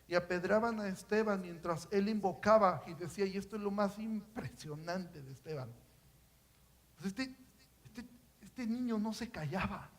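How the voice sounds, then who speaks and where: A man preaching a sermon in a high, light voice. He swings between hushed, intimate stretches and loud, climbing passages, pressing the congregation with question after rhetorical question. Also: moderate pace, poor audio.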